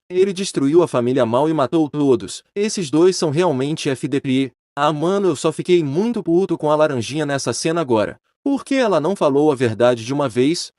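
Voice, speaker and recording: A man narrates a manhwa recap in a casual, slangy way and breaks off to comment on the plot. His voice sits a little high and swings widely. The recording is dry, with no room sound. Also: dry recording. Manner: lively, pitches up for characters' lines.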